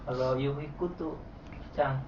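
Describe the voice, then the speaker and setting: Slow, quiet male student, lo-fi. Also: medium pitch, level tone. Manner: quiet, short answers.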